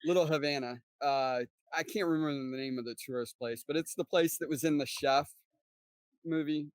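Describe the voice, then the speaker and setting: A man from South Texas hosts a relaxed interview, asking questions and telling stories in a friendly, conversational manner. His voice sits a bit higher than most men's. It is recorded dry and close, with no room sound. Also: normal speed, no room sound. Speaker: podcast host. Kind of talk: casual interview chat.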